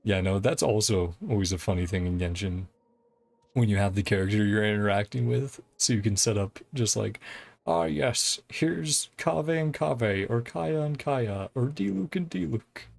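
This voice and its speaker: Over background game music, a livestream host rambles through casual stream chat, giggling and hesitating as he goes. His voice is medium-pitched, animated and gravelly, a little mellow, at a moderate pace.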